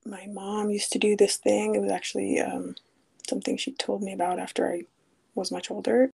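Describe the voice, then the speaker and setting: A young woman from Ethiopia in a casual interview, talking softly and hesitantly, often drifting into a whisper. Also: mid-range voice, little pitch movement, gravelly, husky, poor audio. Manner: halting, hesitant with fillers. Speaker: guest.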